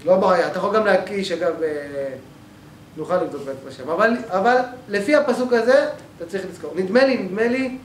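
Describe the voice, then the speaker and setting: A male teacher giving a grammar class in a synagogue hall, explaining step by step and often checking that the class follows. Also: high voice. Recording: echoey room, faint background noise.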